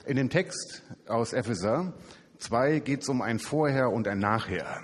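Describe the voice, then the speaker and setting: A man's voice: medium pitch, a little slow. A man preaching as a youth evangelist, talking casually and chattily to the congregation through a handheld microphone. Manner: chatty, informal, self-deprecating humor. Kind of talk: casual sermon with jokes. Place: church service hall. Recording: hall reverb from a church room.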